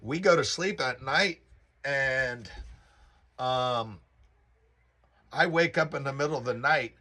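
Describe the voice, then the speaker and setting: Man, unhurried storyteller, bright tone, halting and meandering delivery. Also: mid-range voice. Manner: halting, rambling with restarts and fillers. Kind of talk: personal spiritual story.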